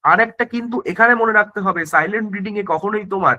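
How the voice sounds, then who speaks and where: In an online exam-prep grammar lesson, a male teacher with a high-pitched, ringing bright voice talks the class through the material at a quick pace. He keeps checking that everyone follows with tag questions and frequently self-corrects, restarting words. The sound is lo-fi.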